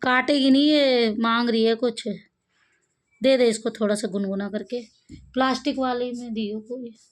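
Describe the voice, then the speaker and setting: A woman's voice: on the high side, steady tone, normal speed. A woman filming a cat in her home courtyard on a phone, talking to it and calling it in a coaxing, sing-song way. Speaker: pet vlogger. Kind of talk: casual talk to a cat while filming. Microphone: phone camera.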